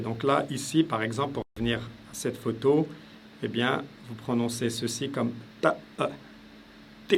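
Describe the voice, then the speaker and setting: Gravelly-voiced man teaching a lesson. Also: mid-range voice, a bit bright, slight background noise. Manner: explains step by step, repeats sounds aloud, frequent hesitations. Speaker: language teacher. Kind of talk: casual spoken lesson.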